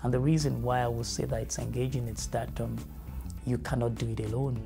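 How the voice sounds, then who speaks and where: Gravelly Nigerian man, earnest. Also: mid-range voice, flat delivery, over music. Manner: measured, earnest, thoughtful with fillers. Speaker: family educator. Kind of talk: interview answers. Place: studio with dark backdrop.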